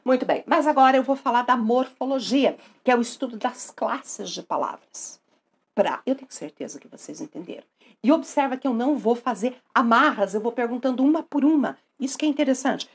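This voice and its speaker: A woman with a Brazilian Portuguese accent teaching a recorded grammar lesson, lively and affectionate, often asking her students questions. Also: on the high side, slightly rough.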